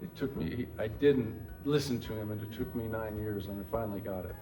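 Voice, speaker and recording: Middle aged new hampshire guy, ex football player, rambly halting interview talk, bit of music behind. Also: lowish voice, warm tone. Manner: rambling, halting, with many restarts. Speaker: guest, former pro football player. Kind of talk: casual interview storytelling.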